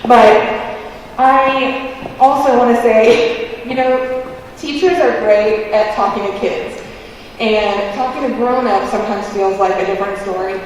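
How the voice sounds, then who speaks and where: In a big, very reverberant gym, a woman with a fairly high voice speaks through a face mask, heard from some distance. She gives an informal keynote in a chatty, playful, self-deprecating way, like a preschool teacher addressing grown-ups. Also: fairly even intonation, a little slow. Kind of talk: informal keynote speech with audience games. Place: large indoor gymnasium. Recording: very echoey gym, distant, faint noise.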